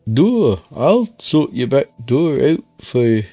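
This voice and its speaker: A man voicing a gruff middle-aged northern English tradesman in a hammed-up mock Geordie and Yorkshire accent. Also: medium pitch, big pitch swings, takes it slowly, dark tone, dull audio, faint music behind, pitched above the performer's own voice, heavily acted. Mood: hammy. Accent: mock Geordie mixed with Yorkshire. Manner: folksy, hammed-up.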